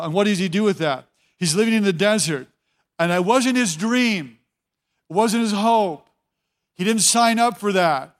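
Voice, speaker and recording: Preaching as a pastor, this man has a voice that sits high. His delivery is conversational, full of repeated words and frequent urging for listeners to watch.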